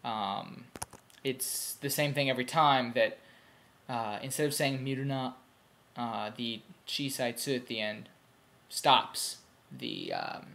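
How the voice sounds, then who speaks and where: A man's voice: medium pitch, sing-song, slow pace, creaky, pushed and bright. Rambling young man explaining a sound. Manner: rambling, many ums and restarts; demonstrates sounds aloud. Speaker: language learner explaining pronunciation. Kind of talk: casual home video explanation.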